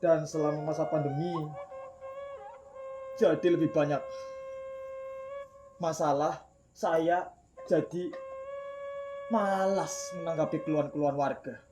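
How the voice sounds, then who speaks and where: An actor playing a self-important middle-aged village head who lectures and gossips, recorded with roomy echo and faint music. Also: male voice, on the high side, fairly even intonation, takes it slowly, long pauses.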